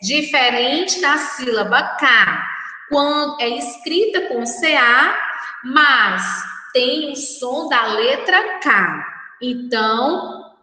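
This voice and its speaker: A middle-aged woman teacher giving a slow, patient lesson to young children, spelling out syllables one by one. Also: sits high, bright, forceful tone. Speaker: primary school teacher. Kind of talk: recorded classroom lesson for children. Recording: echoey room, mic far off.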